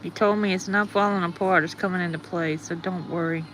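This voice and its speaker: A woman's voice: fairly low pitch, steady tone, a little fast, fairly bright tone, slight background noise. A woman hosting a livestream with a groggy morning voice, rambling casually and greeting her viewers. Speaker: livestream host.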